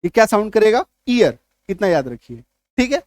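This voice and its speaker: A male teacher giving a spoken lesson, repeating each point and quizzing the listener with quick questions as he drills lists of words. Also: sits high, sing-song, darkish tone, no room sound. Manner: drills word lists aloud, one word at a time.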